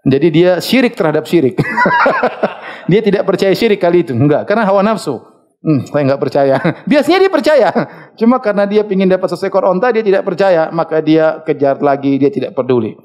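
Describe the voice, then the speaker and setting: Animated male preacher telling a story. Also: high voice, fast talker. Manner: animated, chuckling, searches for words with fillers. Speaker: Islamic preacher. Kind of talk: lively storytelling lecture.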